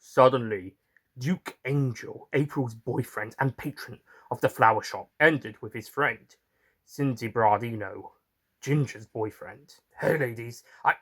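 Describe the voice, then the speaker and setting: A man with a medium-pitched, slightly rough voice narrates a first-person story at a somewhat slow pace. He reads theatrically and in character as writer and narrator, dropping in chatty asides to the listeners.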